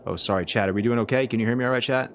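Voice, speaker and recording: A man's voice: medium pitch, a little hiss or hum. A man hosting a live stream, casually firing off eager questions to a guest over a voice call whose audio is choppy, digital and keeps cutting in and out. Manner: eager, rapid-fire questioning. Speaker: stream host interviewing a guest.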